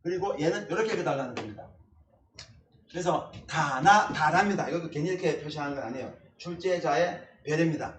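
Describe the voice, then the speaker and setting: A man's voice: fairly high pitch, brisk. A male essay-writing instructor teaching at a blackboard in a classroom, emphatic and given to repeating key words. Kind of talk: blackboard lecture. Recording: echoey classroom, distant mic, faint noise.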